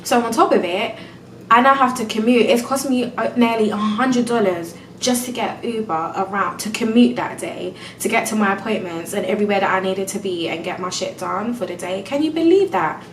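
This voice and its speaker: A woman's voice: mid-range voice, fairly quick, reverberant, far from the mic, a little hiss or hum, poor audio. A young woman venting in a casual storytime vlog, exasperated and close to tears, full of "like" and "do you know what I mean". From England. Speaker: vlogger.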